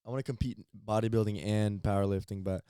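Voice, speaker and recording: A teenage man co-hosting a podcast in casual chat, halting and repeating words as he thinks. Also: on the low side, fairly even intonation, warm tone, clean tone, no room sound, studio quality. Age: teens. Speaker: podcast co-host.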